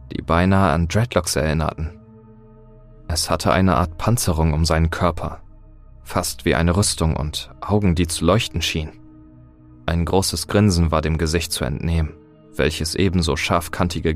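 Deep-voiced man reading a horror story. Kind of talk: scripted horror narration.

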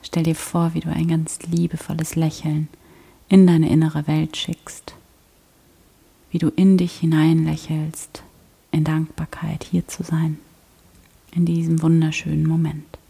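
A woman guiding a prayer meditation in a soft, slow, half-whispered voice. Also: low-pitched, completely flat delivery, gravelly, husky. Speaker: prayer guide.

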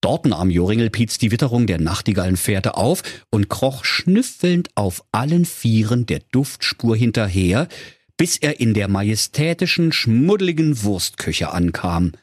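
A man narrating a comic fairy tale for children in a playful, lively storytelling manner. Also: lowish voice, measured pace, husky, no echo, studio quality.

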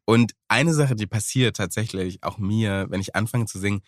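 A man's voice: on the low side, moderate pace, no echo, studio quality. A man from Germany chatting casually as a podcast guest, mixing American-accented English phrases into his German. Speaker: guest singer.

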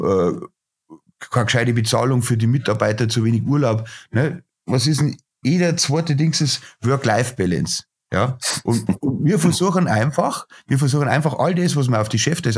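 This is a middle-aged man, a chef who runs restaurants, whose medium-pitched voice has a darkish, slightly rough tone. In a casual podcast chat he rants bluntly, stumbling through fillers and restarting often.

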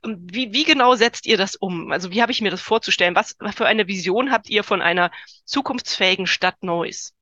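A woman's voice: mid-range voice, normal speed, pushed and bright, no echo, highs cut off. A woman with a slightly stuffy nose a cold, hosting a podcast with introductions and interview questions.

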